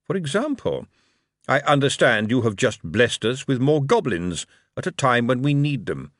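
A man reading an audiobook, voicing a cold, precise male city ruler who speaks in a measured, quietly threatening way. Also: medium pitch, very animated, no echo, studio quality, voice pushed up, close to an everyday voice. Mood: dry.

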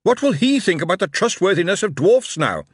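Brief: male narrator as a booming dwarf king, raised pitch, loud, indignant, animated. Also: measured pace, no room sound, studio quality. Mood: furious. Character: furious male dwarf king, commanding and righteous.

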